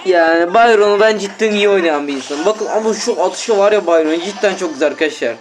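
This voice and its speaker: Excitable young man commentating a game. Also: sits high, quick pace, slight background noise. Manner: excitable, exasperated, talks straight to viewers. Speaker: gaming channel host. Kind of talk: live gameplay commentary.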